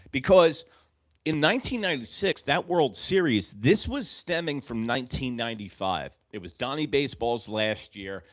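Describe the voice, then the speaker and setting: A man in his forties from New York hosting a live fan reaction stream, calling pitches and drifting into rambling, profane stories, swinging between muttering and shouting. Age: 40s. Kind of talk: live game-reaction commentary.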